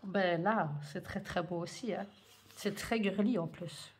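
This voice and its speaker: Her husky voice sits on the low side and runs a little slow. She's a scrapbooking haul vlogger doing casual show-and-tell, hesitant and filler-heavy, gushing about how cute the items are.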